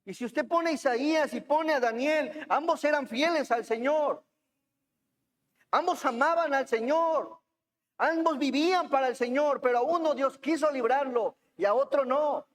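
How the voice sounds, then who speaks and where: A man's voice: very high-pitched, a little slow. A man preaching a sermon, reading scripture and asking the congregation questions. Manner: asks the congregation questions, reads scripture aloud. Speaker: pastor. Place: church hall. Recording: long hall reverb in church.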